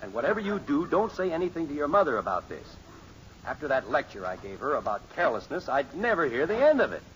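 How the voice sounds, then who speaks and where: A man's voice: a little high, sing-song, fast, fairly bright tone. An actor playing a flustered middle-aged suburban father in a 1950s radio sitcom. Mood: worried. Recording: muffled, noisy old 1950s radio recording.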